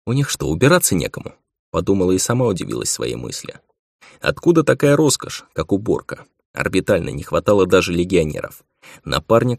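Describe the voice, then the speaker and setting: Man narrating an audiobook, calm and measured, gravelly, dry close sound. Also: sits low, no echo. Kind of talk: scripted narration.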